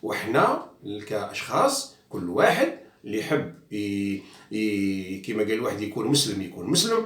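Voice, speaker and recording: A man's voice: lowish voice, big pitch swings, normal speed, distant mic. Algerian man ranting in an echoey room. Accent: Algerian Arabic. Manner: outspoken and mocking, mixing in French, many fillers and restarts. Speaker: journalist commentator. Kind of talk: casual monologue. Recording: echoey room, away from the mic.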